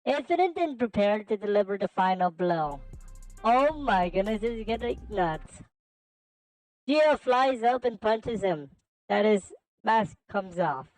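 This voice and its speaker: A woman's voice: mid-range voice, lively intonation, measured pace, darkish tone, soft background music, poor audio. A woman casually reading a fan story aloud and adding chatty asides. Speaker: story reader.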